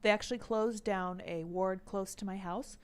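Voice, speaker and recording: A woman's voice: medium pitch, fairly even intonation, normal speed, clean tone. A woman co-hosting a talk show, interjecting earnestly into the discussion. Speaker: co-host. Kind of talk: casual panel talk.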